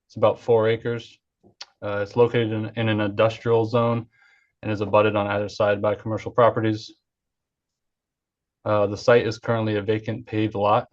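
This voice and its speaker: A man presenting an engineering project over an online video call, hesitant and full of fillers. His voice sits on the low side and stays flat. The call audio is dull and lo-fi. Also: normal speed, long pauses. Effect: heard over an online video call. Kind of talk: formal project presentation at a public hearing.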